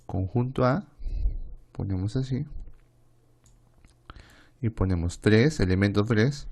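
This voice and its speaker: A man with a Peruvian Spanish accent and a fairly low voice teaches a math lesson online. He goes step by step, asks questions aloud in a student's voice and answers them himself, and often stops to check with "¿está bien?". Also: a little mellow. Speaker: math tutor.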